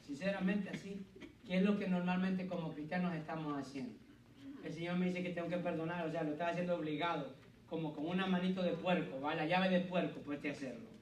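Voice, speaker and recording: A man preaching a sermon in a church, firing rhetorical questions and calling listeners "brother", swinging from loud emphatic peaks to hushed low passages. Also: fairly even intonation, fairly quick, slight background noise. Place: church hall with congregation. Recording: echoey hall, voice from a distance.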